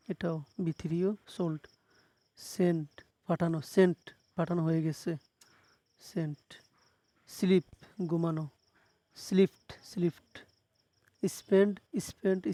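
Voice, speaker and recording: A man's voice: a little high, warm tone, no room sound. A man with a Bangladeshi accent teaching a lesson, repeating each word and explaining its meaning plainly. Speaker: English teacher. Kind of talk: classroom lesson on verb forms.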